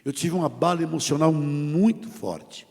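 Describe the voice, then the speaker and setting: A middle-aged male pastor with a Brazilian Portuguese accent, preaching a testimony sermon and telling his story dramatically, dropping to a hush and rising to loud cries. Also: fairly high pitch, moderate pace. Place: church sanctuary. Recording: long church hall reverb.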